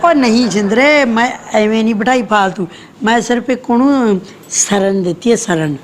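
A woman's voice: on the high side, normal speed, a faint crowd, slight background noise, natural voice. A woman playing an evasive, philandering male village headman in a comedy short film, talking his way out of trouble. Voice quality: placating, evasive.

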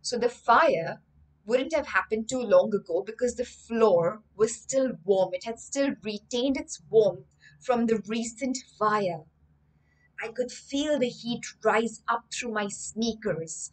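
Her voice is a little high, with lively intonation and an unhurried pace, though the recording quality is low. She is a young adult English teacher telling children a story in an indoor room with bookshelves, stressing words and repeating them with synonyms as a vocabulary lesson.

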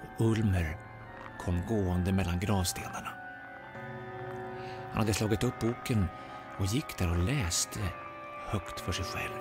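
Low-voiced man telling a ghost story. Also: loud music behind the voice. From Sweden. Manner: dramatic, with slow suspenseful pauses. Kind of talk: oral ghost story narration.

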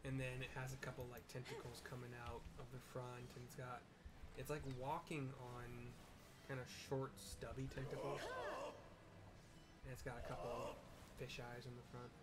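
Loud game music nearly competes with a middle-aged man narrating his gameplay as he streams. In a halting, conversational way, he describes the action play-by-play, his voice medium in pitch with little movement.

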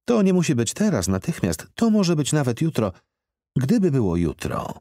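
A man voicing a pushy, bossy woman in her forties in an audiobook, speaking briskly. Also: mid-range voice, huge pitch swings, warm tone, dry recording, clean studio sound, voice pushed up. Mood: insistent.

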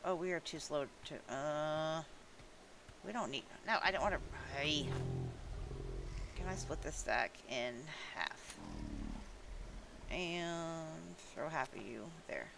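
A woman's voice: low-pitched, expressive, takes it slowly, gravelly, pauses often, background noise. A woman casually commenting as she plays a game, chatting, and scolding and coaxing her in-game animals. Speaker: gameplay streamer. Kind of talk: casual let's-play commentary.

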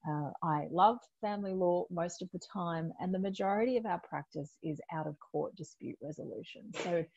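A woman, a family lawyer, hosting a live webinar in a chatty, friendly way, her voice a little croaky. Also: fairly low pitch, normal speed, a little mellow, dry recording, dull audio. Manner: chatty, friendly, greets attendees by name.

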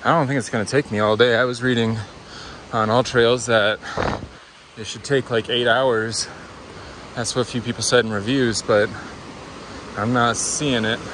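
A man filming himself on a mountain trail outdoors, casually narrating his hike in a relaxed way and chatting to his dog. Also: mid-range voice, moderate pace, background noise. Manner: relaxed, talks to his dog between remarks. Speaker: hiker filming his own vlog. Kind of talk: casual narration while hiking.

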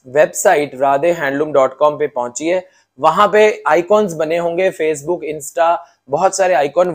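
A man in his forties, a shop owner seated indoors with a lapel mic, giving an earnest sales pitch and slowly repeating the web details. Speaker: shop owner presenting products. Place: indoor showroom, on a sofa.

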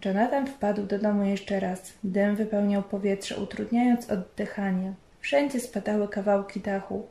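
Mellow woman narrating in a roomy space. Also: medium pitch, level tone. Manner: measured, storytelling. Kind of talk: scripted narration. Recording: roomy echo.

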